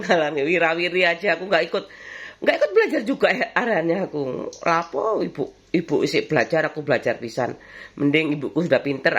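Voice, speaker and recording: A woman with a lilt and a deep voice chats while cooking at home for her own vlog, the sound lo-fi. She rambles through memories, reminiscing and laughing often and easily.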